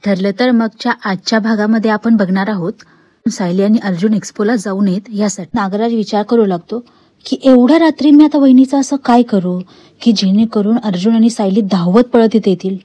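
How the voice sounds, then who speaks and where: Mellow-voiced woman recapping a serial. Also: mid-range voice, a little fast, slightly rough, no echo. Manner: addresses viewers directly, retells scenes step by step. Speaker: serial review host. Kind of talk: storytelling episode recap voice-over. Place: voice-over, not recorded in pictured place.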